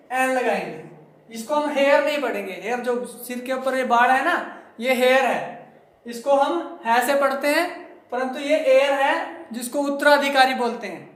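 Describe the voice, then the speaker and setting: A man teaching English grammar to students, repeating words slowly and speaking to the class directly. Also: very high-pitched, a bit bright. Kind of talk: classroom lesson explaining to students. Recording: very echoey room.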